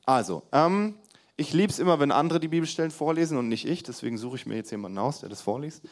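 A young man preaching a sermon to a congregation in a church hall, lively, with loud emphasis and quiet asides, asking the room questions. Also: a little high, fast talker.

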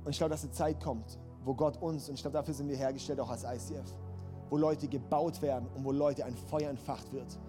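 A man's voice: medium pitch, fairly even intonation, a little fast, over music. A man preaching a sermon, passionate and building to emphatic, repeated calls. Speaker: pastor.

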